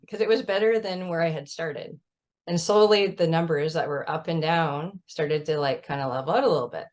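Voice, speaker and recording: A mother of a child with type 1 diabetes, talking earnestly and emphatically in a casual chat over a video call, often adding "right?". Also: deep voice. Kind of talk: casual conversational storytelling.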